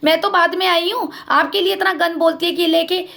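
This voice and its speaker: A woman's voice: very high-pitched, steady tone, a little fast, gravelly, bright, forceful tone. A young woman vlogger giving an impassioned personal account, speaking accusingly and directly to family members. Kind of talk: emotional personal account to camera.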